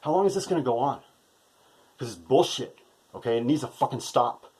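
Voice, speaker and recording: A man's voice: mid-range voice, lively intonation, fairly quick, darkish tone, husky. A shaken man delivering an impassioned, profane monologue to camera, often ending phrases with a tag question. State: emotionally shaken. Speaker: vlogger.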